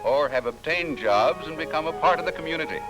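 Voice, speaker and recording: A man's voice: fairly high pitch, lively intonation, fairly quick, rough recording. A man giving vintage newsreel narration in an upbeat promotional tone. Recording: narration over loud music.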